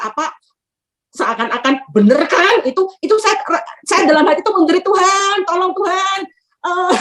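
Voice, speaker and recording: An older woman on a video call sharing an animated personal testimony, acting out prayers and laughing as she tells it. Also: extremely high pitch. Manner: animated, acts out prayers, laughs and hesitates often. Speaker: church member sharing a testimony.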